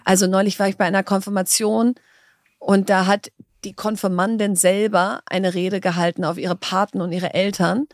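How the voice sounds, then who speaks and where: A woman co-hosting a podcast in relaxed, chatty conversation. She tells stories with animation and laughs easily. Her voice is mid-pitched, recorded close and dry in a studio. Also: moderate pace, no room sound. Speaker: podcast co-host. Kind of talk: casual chat.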